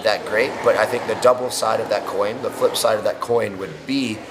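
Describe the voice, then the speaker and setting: A man's voice: fairly low pitch, fairly even intonation, moderate pace, background noise. A man from the United States, a tourist, giving articulate, reflective interview answers.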